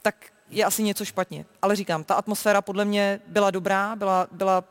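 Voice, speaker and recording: A woman talking as a sports reporter in a football discussion, animated and emphatic. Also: medium pitch, in a large hall.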